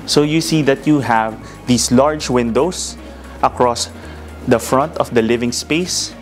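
A man in his thirties, a real estate broker, giving a polished walking house tour of a townhouse, pointing out features room by room. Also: medium pitch. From Philippines. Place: bright empty townhouse rooms indoors.

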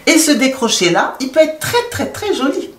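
A woman's voice: high voice, big pitch swings, moderate pace, distant mic. A woman teaching singing, explaining vocal registers and breaking into short sung demonstrations. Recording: echoey room, voice a bit off mic.

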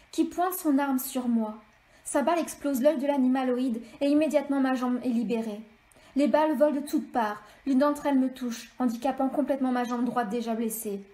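A woman author reading an extract of her novel aloud in steady, measured storytelling. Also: sits high. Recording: echoey room.

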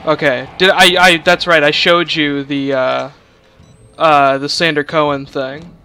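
A man's voice: a little high, fairly even intonation, unhurried, bright, forceful tone. A man co-hosting a horror game let's-play, joking around and fretting about getting scared. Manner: jokey, nervous about scares. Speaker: co-host. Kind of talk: casual let's-play chat. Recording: faint background noise.

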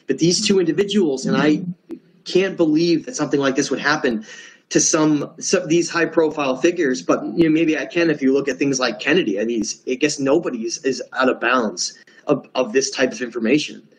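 A man's voice: mid-range voice, brisk, rough recording. A man presenting in a casual lecture, earnest and emphatic, often restarting words.

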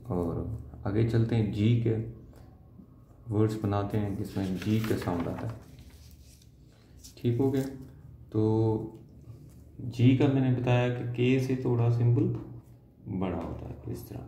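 A man gives a slow, patient shorthand lesson, talking through each symbol as he writes it. His voice is very dark and gravelly, and his words often fade off quietly. The recording sounds dull and lo-fi in an echoey room. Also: fairly low pitch. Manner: slow, patient, trails off softly while drawing symbols. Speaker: shorthand teacher. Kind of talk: slow step-by-step lesson while writing.

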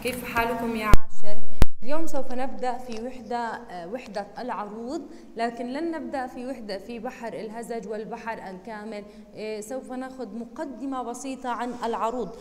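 A woman teacher with a Jordanian accent, giving a recorded lesson and drilling words slowly syllable by syllable. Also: on the high side, big-room sound, slight background noise. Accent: Jordanian Arabic. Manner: slow, deliberate syllable-by-syllable drilling.

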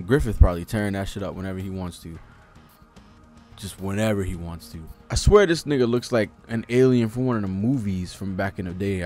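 Speaking expressively into a close desktop microphone in a cluttered room at home, a young American manga reaction host gives casual live commentary peppered with slang and profanity. His voice sits on the low side and sounds a little mellow.

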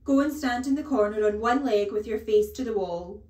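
A woman's voice: medium pitch, a little slow, a little mellow, natural voice. A woman voicing a huge, bullying headmistress who barks contemptuous commands and insults in a children's storybook reading. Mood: scornful, bullying. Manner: barking, bellowing commands, contemptuous. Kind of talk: children's storybook read-aloud. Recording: echoey room.

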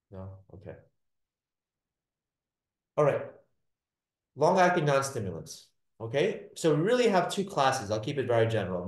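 Guy teaching a class, keeps saying all right, roomy echo. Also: lowish voice. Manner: explains by repeating points and checks "all right?". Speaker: lecturer. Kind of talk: classroom lecture.

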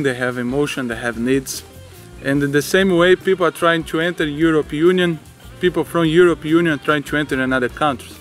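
A man in his thirties from Brazil with a Brazilian Portuguese accent, speaking earnestly in halting English in a documentary interview outdoors. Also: fairly high pitch. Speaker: football project organizer. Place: outdoor football field.

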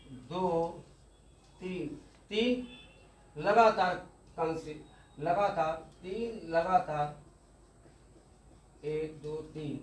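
Man teaching law in an echoey room. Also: high-pitched. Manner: explanatory, repeats key terms, mixes English legal words. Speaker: law lecturer. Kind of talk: exam-focused law lecture.

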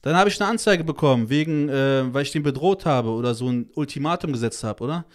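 A man's voice: medium pitch, fast talker. A man speaking as a podcast guest in casual conversation, blunt and crude, full of slang and swearing, heated and emphatic. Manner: blunt and crude, heavy slang, swears, keeps saying "Alter". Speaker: guest, child-protection activist.

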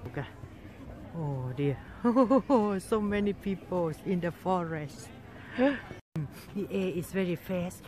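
A woman, a Vietnamese native speaker, filming a casual travel vlog on a forest walk with a handheld phone and speaking soft, halting English. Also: lowish voice, a little hiss or hum. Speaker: vlogger.

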